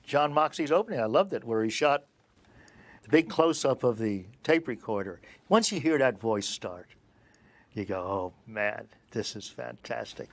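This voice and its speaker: An older male film producer telling animated interview anecdotes and acting out the dialogue. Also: medium pitch, normal speed, dry recording. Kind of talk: interview storytelling.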